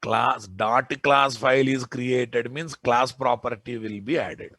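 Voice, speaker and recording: Teaching programming informally, this man speaks with a Telugu Indian accent and keeps insistently putting questions to his students. His medium-pitched voice is a bit bright, and he takes it slowly.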